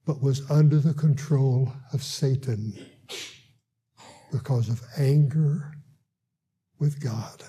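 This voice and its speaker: A man who visits hospitals to evangelize, telling a testimony in an earnest way and slowing down for emphasis. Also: medium pitch, steady tone, dark tone, breathy edge. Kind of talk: testimony storytelling.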